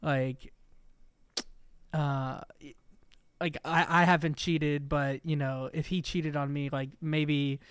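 A man's voice: a little high, steady tone, takes it slowly, pauses often, clear, resonant tone, dry recording, studio quality. A man co-hosting a podcast in casual chat, rambling and acting out quotes. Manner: rambling, many "like" fillers, acts out quotes. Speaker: podcast co-host.

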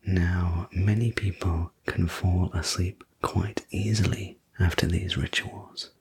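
A man speaks in an ASMR role-play as a sleep story narrator. His voice is low and very breathy, with hardly any tone in it. He takes his time over each phrase, gently reassuring and soothing the listener as an attentive host. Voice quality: soft, breathy soft voice. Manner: slow, gentle, reassuring delivery. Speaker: host playing a sleep room preparation attendant.

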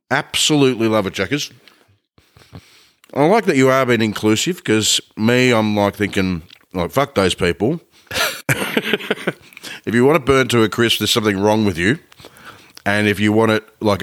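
A man's voice: fairly low pitch, moderate pace, long pauses, a bit bright. A man co-hosting a podcast, rambling casually with swearing and laughter while eating. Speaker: podcast co-host. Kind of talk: casual banter with a co-host.

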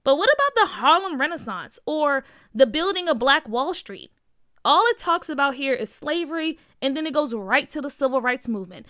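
A woman's voice: sits high, big pitch swings, normal speed, a bit bright, no echo, studio quality. A woman voicing an earnest, outspoken young schoolgirl who asks insistent questions in a storybook reading.

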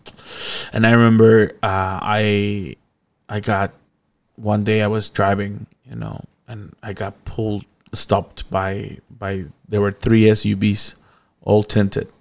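Low gravelly man telling a story. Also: level tone, slow, darkish tone. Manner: rambling, laughs often, swears. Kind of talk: casual storytelling.

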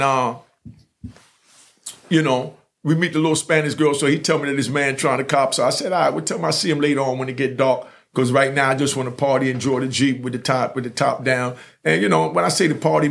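A man's voice: a little high, creaky, a bit bright. A man telling a long street story in casual chat, rambling with many fillers and restarts. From New York. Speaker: storyteller host.

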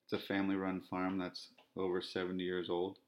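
Deep in voice, an Ontario podcast host works through a monologue with flat delivery. He calls it his monotone, and his phrasing stays measured and repetitive.

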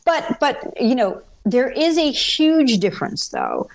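Middle-aged woman dietitian guest with an animated, conversational delivery and frequent restarts. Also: sits high, slow pace, vocal fry, poor audio. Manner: animated, repeats words when starting sentences. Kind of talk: casual interview chat.

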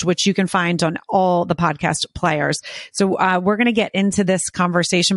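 A woman's voice: mid-range voice, no room sound. Upbeat woman podcast host, dry close mic. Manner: upbeat, enthusiastic promotional delivery. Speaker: podcast host and storytelling consultant. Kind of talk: podcast intro and interview.

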